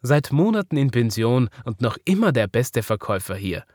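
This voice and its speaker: A man's voice: mid-range voice, very animated, normal speed, darkish tone, no room sound, clean studio sound. A man voicing a teasing, familiar young salesman in a children's story, with an Austrian accent.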